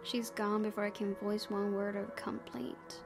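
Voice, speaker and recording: A woman's voice: mid-range voice, completely flat delivery, unhurried. A woman reading a visual novel's story aloud as a let's play narration, expressively, with her own asides. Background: loud piano game music.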